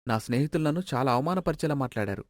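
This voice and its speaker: A woman's voice: extremely low pitch, animated, very fast, voice pushed down. A woman voicing an angry young husband who speaks in a resentful, accusing way. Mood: bitter.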